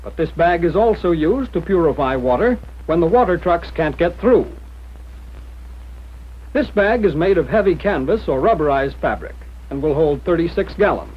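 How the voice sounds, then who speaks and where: The narrator of this 1940s military instructional film is an American man with a fairly high voice and lively intonation. He reads his script at a moderate pace in a direct, plain-spoken, teaching tone, heard through a dull, muffled period soundtrack.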